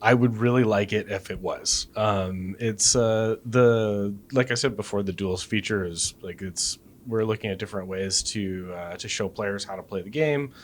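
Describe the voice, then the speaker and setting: A man speaks as a game developer in a casual interview, starting and restarting his sentences. His voice sits low, and he leans heavily on "uh" and "you know" as he explains. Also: moderate pace, hardly any pauses. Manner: hesitant, many restarts and fillers.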